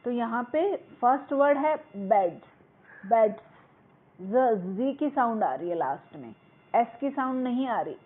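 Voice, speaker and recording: Woman, teacher, slightly high voice, slow deliberate reading, tinny phone-line sound. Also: animated. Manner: reads English lines slowly and deliberately, explains in Hindi. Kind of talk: explaining a school English lesson.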